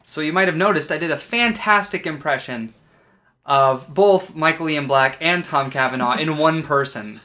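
A young man co-hosting a podcast, chatting casually with wry, deadpan asides. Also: a little high, normal speed. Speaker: podcast co-host. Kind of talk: casual chat.

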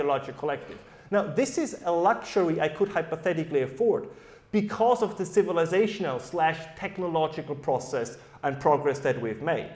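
A man's voice: high-pitched, darkish tone. German-accented man, echoey hall. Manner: conversational, keeps checking in with "right?". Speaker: panel speaker. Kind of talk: live panel talk to an audience. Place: event hall at a summer school.

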